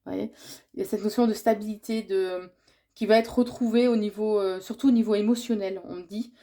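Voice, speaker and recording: With a medium-pitched, dark voice and fairly even intonation, a woman speaks a little fast while reading a yearly horoscope as a tarot reader. She has a cold and sounds congested, and her hesitant delivery is full of fillers and restarts as she passes on messages she says she receives.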